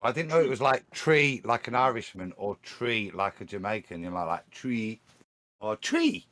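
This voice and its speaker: A man's voice: lowish voice, fairly quick, bright, forceful tone, no echo. A man with a Nottingham accent chatting casually as a stand-in co-host on a live panel. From Nottingham, England.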